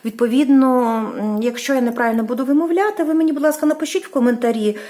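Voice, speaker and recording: A woman's voice: high voice, quick pace, dark tone. A woman from Ukraine giving a casual tarot reading, hesitant, with many fillers and restarts, apologizing for how she says place names. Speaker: tarot reader.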